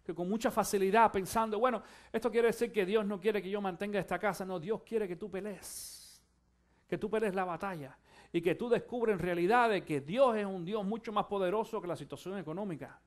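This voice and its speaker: A male pastor preaching a sermon, shifting from quiet musing to loud, fervent exhortation and urging his listeners to listen. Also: sits high, brisk. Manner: addresses listeners directly, urging them to listen.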